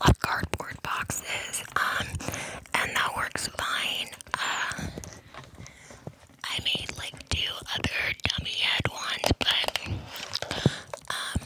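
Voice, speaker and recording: A woman giving a softly whispered, breathy ASMR ramble as a channel host, close on a binaural microphone, with an affectionate, playful way of talking. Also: rough recording. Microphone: close binaural microphone with silicone ears.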